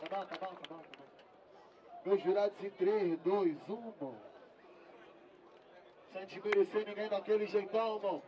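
Casual: guy mc'ing a street rap battle, yells chants, lots of slang, high voice, sounds a bit far from the mic with a loud crowd around. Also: fairly even intonation, normal speed, long pauses, highs cut off. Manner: shouting chants, slang-heavy, hoarse hype. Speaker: battle host. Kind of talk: hyping a crowd, announcing scores. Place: outdoor city square. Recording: distant mic with crowd noise. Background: cheering crowd.

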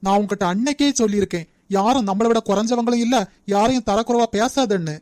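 A woman's voice: a little high, fast talker, darkish tone, no room sound, studio quality, close to an everyday voice. A woman voicing a stern, protective young man in a cartoon, speaking firmly with a Nagercoil Tamil accent. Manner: firm, commanding. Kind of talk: cartoon voice acting.

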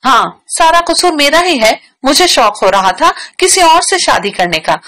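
A woman's voice: high-pitched, sing-song, a little slow, bright, forceful tone, full character voice, rough recording. A woman voicing an upset young woman who speaks reproachfully and bitterly in a read-aloud novel.

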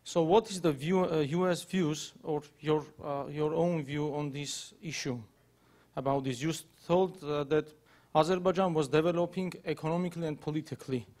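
Guy from the audience, kinda high voice, asking a question, stumbles a bit. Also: steady tone, moderate pace, darkish tone. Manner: hesitant, repeats words. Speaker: visiting scholar asking a question.

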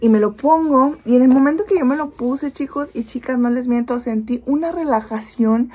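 A woman's voice: sits high, moderate pace, slightly rough. A woman, chatting in a casual product review and telling stories animatedly with many fillers. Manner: animated storytelling with lots of fillers. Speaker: beauty product vlogger.

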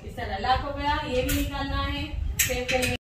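A cheerful woman in her thirties walks viewers through machine exercises, her voice pitched high. The camera sits a few steps away in a bare, very echoey small room, so she sounds distant and boomy. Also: little pitch movement, moderate pace, very noisy. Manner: chatty, addresses viewers directly, upbeat. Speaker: fitness vlogger. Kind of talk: casual workout demonstration. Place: small home gym room, indoors.

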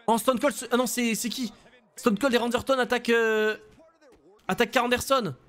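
A young man streaming a video game live, commenting casually with excited jokes and casual swearing, on a desk microphone at home. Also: very high-pitched, fairly quick. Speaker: gaming streamer.

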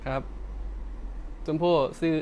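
A woman's voice: slow, warm tone, lightly acted. A woman playing a meek, polite young husband in a comedy skit. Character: thrifty young husband, soft-spoken and meek.

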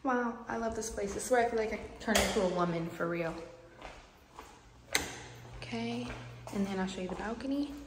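A young woman, chatting casually as she films a tour of her empty apartment on a handheld phone. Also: mid-range voice. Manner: chatty, quick, casual, repeats "here goes". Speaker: vlogger. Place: empty apartment with bare hard floors. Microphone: handheld phone camera at arm's length. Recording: echoey empty rooms, noisy.

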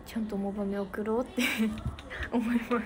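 A woman's voice: mid-range voice, fairly even intonation, moderate pace, darkish tone. A teenage girl from Niigata hosting a casual livestream, chatting and thanking viewers for their comments. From Niigata, Japan. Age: teens. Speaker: idol livestream host. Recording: noisy livestream audio.

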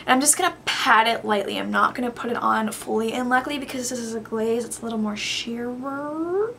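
A woman's voice: fairly high pitch, brisk, vocal fry, bright, forceful tone, slight background noise. A young woman doing a chatty, gushing makeup tutorial vlog, sounding a little tired. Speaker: beauty vlogger.

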